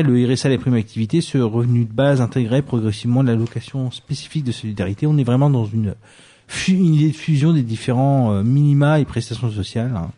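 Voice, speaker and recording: A man's voice: mid-range voice, mellow. A man presenting an article on a radio show, speaking hesitantly with frequent fillers. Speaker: news columnist. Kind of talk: radio press review.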